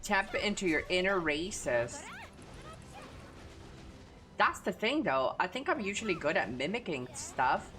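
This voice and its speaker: A woman with a Texan Southern accent streams a game and chats with her audience in a crude, profane, laid-back way. Her lowish voice is very animated, pushed and bright, a little slow, with long pauses.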